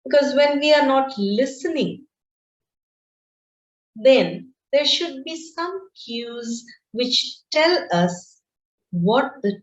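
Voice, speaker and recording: A woman teaches an online class at an unhurried pace. Her pitch rises and falls a great deal as she explains each point. The recording sounds roomy and a little muffled. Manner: slow, deliberate and explanatory, with lively pitch. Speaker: lecturer. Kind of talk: online lecture. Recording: roomy, dull lo-fi screen-share recording.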